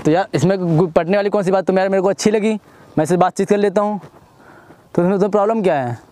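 A man's voice: sits high, fast talker, dark tone. A young man, hosting a village prank, who keeps cajoling and asking why she is angry.

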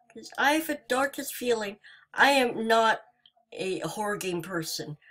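Slow-talking nervous woman gamer. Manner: nervous and jumpy, greets the monsters in a high sing-song voice. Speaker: gaming channel host. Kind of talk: horror game let's-play commentary.

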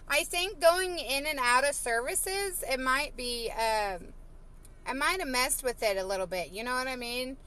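Her voice is high, bright, and forceful as she reads viewer comments on a casual live stream, filling gaps with lots of fillers. She's in her thirties, sitting in a parked car with the phone held at arm's length, and a slight hiss or hum comes through.

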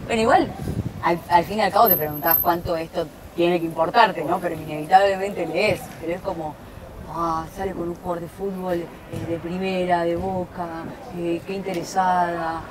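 This is a guest's casual conversation on an outdoor terrace: a woman in her twenties with an Argentine Spanish accent, sitting at a table, her fairly low voice even in intonation and moderate in pace. Fillers and restarts pepper her speech, and there's background noise on the lapel recording.

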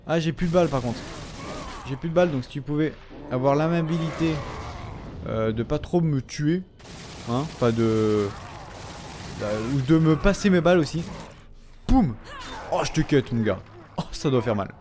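A young man giving casual gameplay commentary, excitable, swearing and trash-talking enemies. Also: fairly high pitch, moderate pace, long pauses, slight background noise. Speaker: let's play commentator.

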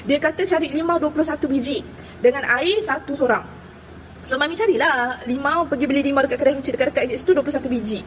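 Woman from Terengganu, casual storyteller, high and quick, chatty with lots of fillers. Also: a little hiss or hum, low-quality recording. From Terengganu, Malaysia. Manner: animated, chatty, full of fillers. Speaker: woman sharing a personal experience.

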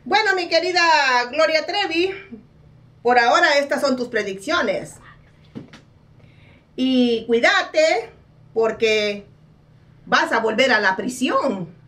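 A woman doing a brash psychic lady, scolding, high lively voice, distant mic. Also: takes it slowly, long pauses, full character voice. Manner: scolding, dramatic, laughs at her own jabs. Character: brash scolding female psychic reading cards. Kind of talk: comic parody card reading.

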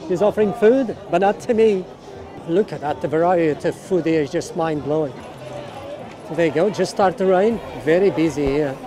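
A middle-aged man, a vlogger leading a walking tour, talks at normal speed in a fairly high voice. The setting is a bustling outdoor street market full of music and crowd chatter, and his casual commentary is enthusiastic, with many exclamations and repeated phrases.

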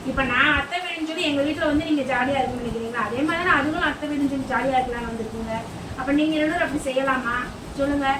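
A stern aunt scolds and lectures the children of the house in a high, sharp voice, as a woman acts her out. She is recorded from a distance in an echoey room, with household noise behind her. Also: close to an everyday voice. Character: strict scolding aunt, middle-aged woman. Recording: echoey room, far from mic, noisy.

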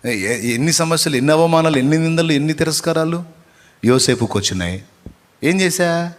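Male pastor, higher voice, exhorting sermon delivery that swings from loud calls to hushed asides, recorded in a reverberant church. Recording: long reverb of a church hall.

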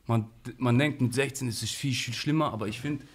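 Young male interview guest, casual slangy storyteller, medium pitch. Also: a little fast, breathy edge. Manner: animated, slangy, frequent "Bruder" and "weißt du".

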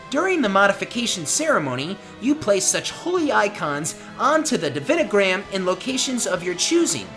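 A woman's voice: medium pitch, fairly bright tone. A woman playing a polite, eager young angel girl in a video game, explaining things in formal, deferential language. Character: polite, chirpy young girl angel serving her lord.

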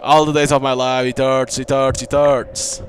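A man's voice: mid-range voice, flat delivery, moderate pace, a little hiss or hum, close to an everyday voice. A man voicing a female ghost bride, lonely and wounded, lamenting and repeating words as in dialogue from a game. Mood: wounded, accusing. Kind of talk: reading game dialogue aloud in character. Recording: loud game music behind the voice.

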